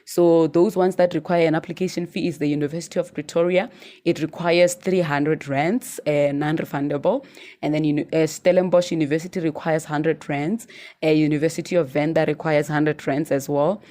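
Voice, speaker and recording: A woman vlogger giving casual advice, often ending her points with "right?" and filling pauses with "um" and "uh". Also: deep voice, steady tone, mellow. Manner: chatty, ends points with "right?"; many fillers and restarts. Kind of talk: informal advice monologue.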